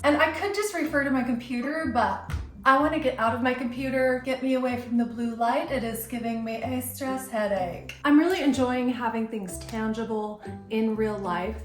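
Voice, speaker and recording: A young woman with a Minnesotan accent chatting casually in a crafting vlog, bubbly and talkative, rattling off lists of ideas. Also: fairly high pitch. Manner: bubbly, chatty, lists items in quick succession. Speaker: lifestyle vlogger.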